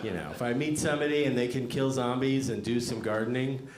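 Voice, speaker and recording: A man's voice: mid-range voice, brisk. Male stand-up comic in an echoey club. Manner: conversational, wry observational delivery. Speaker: stand-up comedian. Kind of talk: stand-up comedy. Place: comedy club stage. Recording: echoey club room, clear background noise. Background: crowd laughter.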